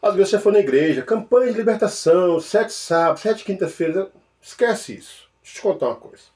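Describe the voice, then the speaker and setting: A man with a Mineiro Brazilian accent talks through spiritual ideas in a loose, conversational way. His voice sits fairly high and swings widely, from excited bursts to quiet murmured repetitions. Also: fast talker. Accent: Mineiro Brazilian Portuguese. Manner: animated, playful, with exclamations and soft murmured repetitions. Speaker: spiritual speaker. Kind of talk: informal teaching monologue.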